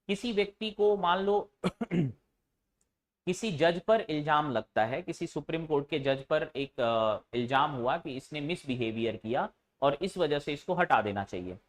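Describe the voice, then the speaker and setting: A male teacher giving a classroom lecture, asking his students questions and answering them himself, and teasing them now and then. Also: on the high side.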